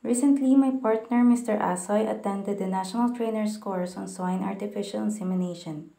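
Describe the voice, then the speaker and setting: A young woman, co-owner of a farm enterprise, reading a scripted voice-over in a steady, careful way. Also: medium pitch, fairly quick, creaky, echoey room, rough recording. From Philippines. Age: young adult.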